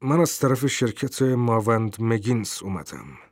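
A man voicing a hesitant, formal company messenger who pauses on drawn-out ums. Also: medium pitch, lively intonation, no room sound, clean studio sound.

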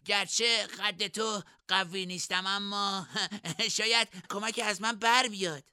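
Man doing a high, eager young fighter. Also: fairly even intonation, smooth. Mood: earnest. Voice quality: high, bright put-on voice. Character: cheerful young male fighter, playful.

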